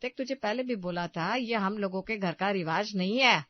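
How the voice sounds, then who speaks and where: A woman's voice: medium pitch, moderate pace, dull audio, close to an everyday voice. A woman voicing an older mother-in-law in a cartoon story, scolding but affectionate. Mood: coaxing.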